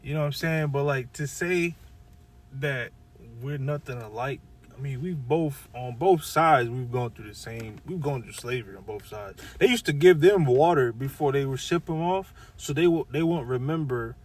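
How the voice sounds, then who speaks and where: A man's voice: mid-range voice, moderate pace, recorded from a distance. A man co-hosting a podcast in casual talk, laid-back and hesitant, often starting over and asking short questions. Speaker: podcast co-host.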